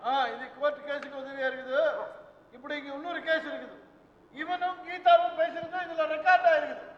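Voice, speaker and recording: A man's voice: extremely high pitch, little pitch movement, a little fast, recorded from a distance. An actor playing a grumpy father who mocks and scoffs at his son's romance, in an old stage play recording. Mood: mocking. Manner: scornful, sarcastic. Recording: roomy hall, dull lo-fi old stage recording.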